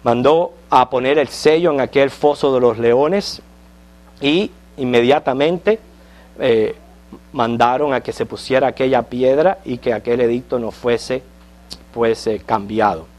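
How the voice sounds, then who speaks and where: Man, Sunday school Bible teacher, chatty lesson style with frequent check-ins and light jokes, mid-pitched voice. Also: unhurried, a little mellow. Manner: conversational, checks in with listeners with frequent questions; tells light jokes to the class.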